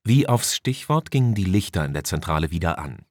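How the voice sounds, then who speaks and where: A man reading a science fiction audiobook in an even, measured storytelling voice. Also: low-pitched, no room sound, clean studio sound. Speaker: audiobook narrator. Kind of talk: scripted narration.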